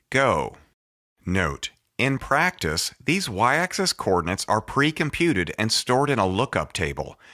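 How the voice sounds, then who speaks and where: A man narrating a scripted math lesson, clear and explanatory, with playful sound-effect interjections. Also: lowish voice, pushed and bright, no echo, studio quality. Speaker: teacher.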